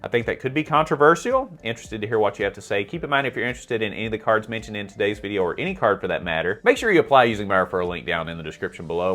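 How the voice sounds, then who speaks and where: A middle-aged man hosts a vlog with chatty, self-deprecating commentary and often asks viewers what they think. His voice is fairly low in pitch and a bit bright.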